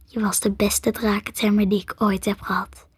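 A woman voicing a brave, protective female dragon in a storybook reading, speaking in breathy, fading whispers. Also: mid-range voice, little pitch movement, normal speed, dry recording, studio quality. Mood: dying, tender.

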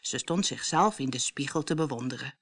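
A woman narrating a fairy tale as a storybook read-aloud, expressive and lively. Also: extremely low pitch, brisk.

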